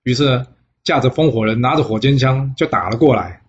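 A man telling a classic legend in a folksy way, often pausing on fillers. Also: medium pitch, expressive. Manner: folksy, with frequent filler pauses. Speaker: storyteller. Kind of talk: storytelling narration. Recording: slightly dull lo-fi recording.

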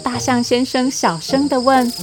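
A woman host reading a picture book aloud to children, in a gentle, coaxing manner. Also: sits high, steady tone, normal speed, music in the background. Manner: gentle, coaxing, addressing kids.

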